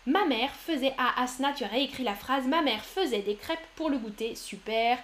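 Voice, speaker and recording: A woman with a high voice teaches French on a live stream. She reads out viewers' answers from the chat one after another and praises each of them. Her delivery is encouraging and upbeat. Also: moderate pace, fairly bright tone, slight background noise. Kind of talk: live-streamed language lesson.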